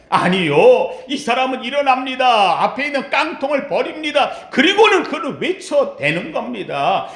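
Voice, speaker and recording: A male pastor delivers a fervent sermon in a high, animated voice that rises to a shout at its peaks. His words ring out through an echoey church sanctuary. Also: gravelly. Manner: impassioned preaching, shouting out the pleas of the blind beggar.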